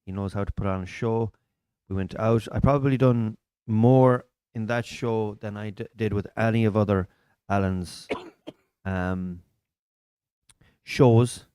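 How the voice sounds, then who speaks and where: Speaking unhurriedly in a warm, smooth, lowish voice, an Irish man keeps his intonation fairly even. He's a comedian and podcast host doing casual live-stream chat from a small studio, telling stories with local slang, and there's no echo.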